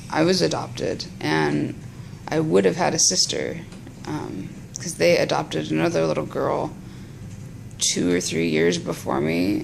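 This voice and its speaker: A woman talking casually and haltingly in a personal vlog, rambling with a gravelly, creaky voice, recorded on a phone. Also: deep voice, background noise. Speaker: patient vlogging after surgery.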